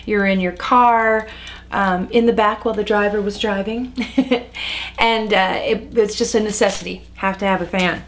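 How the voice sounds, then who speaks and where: An American woman in her forties, reminiscing in a relaxed interview, chatty with frequent ums and easy laughs. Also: mid-range voice, normal speed. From United States. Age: 40s.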